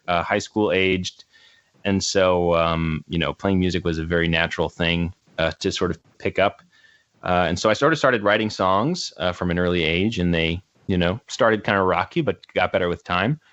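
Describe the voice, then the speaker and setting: A young man with a very low voice, telling his story at length with plenty of ums and restarts. The sound is a little dull and close, with no room echo at all. He talks like a relaxed podcast guest. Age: 20s. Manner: rambling, lots of fillers and restarts. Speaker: guest, actor and musician. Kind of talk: casual interview chat. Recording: slightly dull, dry sound.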